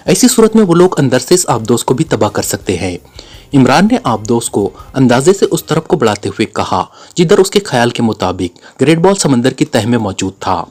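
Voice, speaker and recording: A man narrating a spy novel aloud in a dramatic, expressive storytelling manner. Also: medium pitch.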